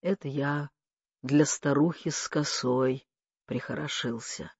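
A reader voicing a weary, dying old man who speaks in a low, hushed murmur, in a dull lo-fi audiobook recording. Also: animated, slow pace, husky, no echo, exaggerated voice. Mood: wry. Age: older. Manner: quiet, murmured.

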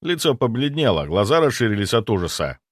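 A man narrating a first-person fantasy audiobook in an expressive, vivid storytelling manner. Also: medium pitch, a little fast, dry recording, studio quality.

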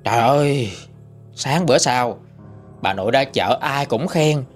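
Lively Southern Vietnamese male storyteller. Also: mid-range voice, measured pace. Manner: lively, chatty storytelling, dramatic rises. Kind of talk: ghost story narration. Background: faint music.

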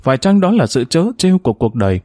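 A man narrating a story in a steady, expressive way. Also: mid-range voice, fast talker, no room sound, clean studio sound.

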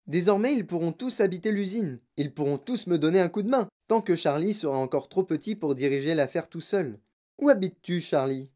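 Brief: eccentric old candy maker, brisk and emphatic, a man reading him in a storybook. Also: on the high side, lively intonation, dark tone, natural voice. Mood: excited. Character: eccentric excitable old male chocolate maker. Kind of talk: audiobook character reading.

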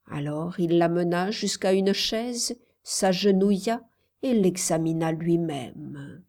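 A woman narrating an audiobook in a measured, calm storytelling voice. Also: lowish voice.

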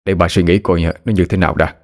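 A man voicing a middle-aged village father who speaks calmly and deliberately. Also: deep voice. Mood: solemn.

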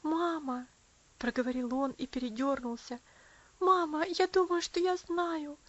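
A woman's voice: high voice, measured pace, a bit bright, pitched above the performer's own voice. A woman voicing a frail, lame young boy who speaks anxiously in an audiobook story. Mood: earnest. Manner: anxious, breathless. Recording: dull lo-fi audio.

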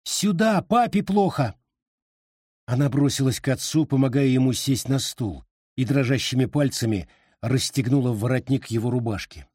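Guy reading a story, mellow husky voice, dry close mic. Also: medium pitch, fairly even intonation, moderate pace, dry recording. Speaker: audiobook narrator. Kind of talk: scripted narration.

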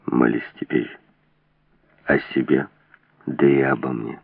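A man voicing a tormented, menacing outlaw in an audiobook, talking in a halting, rough, grim way. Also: very deep voice, fairly even intonation, dry recording, pitched below the performer's own voice, heavily acted. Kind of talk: audiobook role reading. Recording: tinny dry lo-fi audio.

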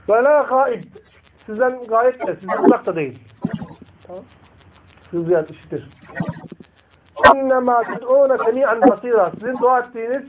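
Male religious teacher with a high voice. He recites slowly and asks rhetorical questions. Tinny, phone-like audio. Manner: recites Arabic slowly, then explains. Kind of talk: religious lesson to a study group. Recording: tinny phone-like recording with faint noise.

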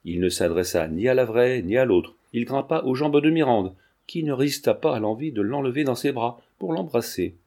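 A man narrating a classic novel as an audiobook in a steady, measured reading. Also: mid-range voice. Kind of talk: scripted narration.

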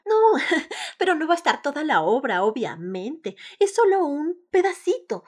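A woman presenting and narrating a radio theatre programme in a lively, exclamatory way. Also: high-pitched, unhurried. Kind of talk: playful radio show intro and scripted narration.

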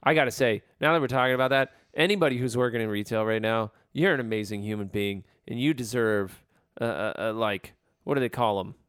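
A man's voice: mid-range voice, brisk, hardly any pauses, a bit bright, clear, resonant tone, no room sound, studio quality. A man in his thirties co-hosting a casual chat, joking and rambling with mock emotion. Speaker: podcast co-host.

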